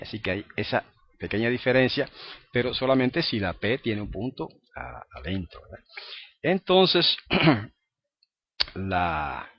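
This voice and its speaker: A man teaching a recorded lesson, explaining patiently and often checking in with the listener. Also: medium pitch. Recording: dry, dull lo-fi recording.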